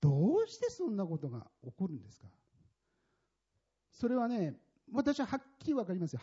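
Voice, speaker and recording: A man giving a personal testimony in a sermon, telling his story in an animated, emphatic way with a husky voice. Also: high voice. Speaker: church member giving testimony. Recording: dull lo-fi recording.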